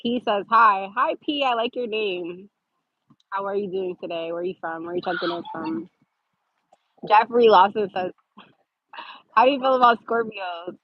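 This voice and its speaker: A woman's voice: mid-range voice, normal speed, long pauses, dry recording, highs cut off. Sarcastic woman chatting on a livestream. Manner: sarcastic, laughing, talks back to commenters. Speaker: livestream host reading viewer comments. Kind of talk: casual livestream chat.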